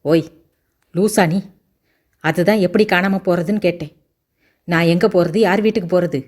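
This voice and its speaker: A woman voicing a sharp-tongued, quick-tempered 18-year-old village girl in a Tamil audiobook. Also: fairly low pitch, close to an everyday voice. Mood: irritated. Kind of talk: audiobook character voice.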